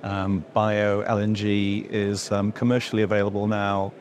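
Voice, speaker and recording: A man's voice: lowish voice, little pitch movement, measured pace, a little hiss or hum. A middle-aged man, an industry association executive, answering interview questions, with many fillers and restarts as he explains. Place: indoor event room before a logo backdrop.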